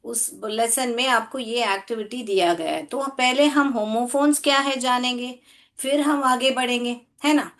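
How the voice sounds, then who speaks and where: Woman schoolteacher, slightly high voice, very slow and patient, keeps questioning the kids. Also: a bit bright. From India. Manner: patient, asks children many questions and praises them; speaks slowly and spells points out step by step. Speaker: English teacher. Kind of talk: classroom lesson for children, mixing Hindi and English.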